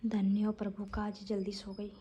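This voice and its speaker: A young mother in northern India talks frankly in a casual home vlog, now and then scolding her children while a kitchen sizzles faintly in the background. Her voice is mid-range, dark, and monotone, at a normal speed, with faint background noise.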